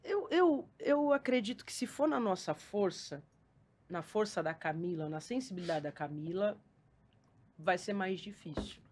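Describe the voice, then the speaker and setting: A woman who gives lectures in schools, speaking as a podcast guest in casual conversation and telling stories in a lively, slangy way. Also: fairly low pitch, measured pace, slight background noise. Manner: lively, slangy storytelling with acted-out quotes.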